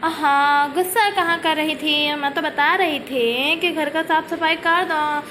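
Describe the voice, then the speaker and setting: A woman's voice: high voice, unhurried, pushed and bright, slight background noise. A woman voicing a stingy, scheming middle-aged aunt in a homemade family skit, coaxing and bossy. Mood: defensive. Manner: coaxing then scolding, lazy and selfish.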